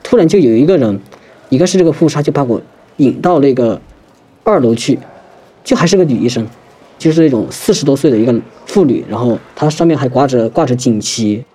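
Young male storyteller, rapid and rambling, mellow husky tone, lots of restarts. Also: mid-range voice, lively intonation. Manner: rambling, hesitant, with many restarts. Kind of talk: casual spoken personal story.

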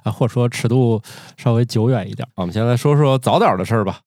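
A man from Northeast China hosts a casual podcast chat at an easy pace. His voice sits in a middle pitch and sounds close and dry, as if recorded on a studio mic. He jokes a lot and laughs often. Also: fast talker, a little mellow, no echo. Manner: joking, chatty, laughs often. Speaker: podcast host.

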